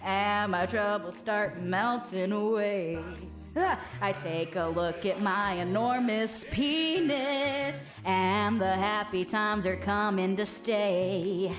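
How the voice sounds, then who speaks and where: A woman's voice: mid-range voice, slow, reverberant, over music. Woman streamer run through a voice changer filter, joking, some silly singing. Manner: joking, sings goofy song lines. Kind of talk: casual stream chat.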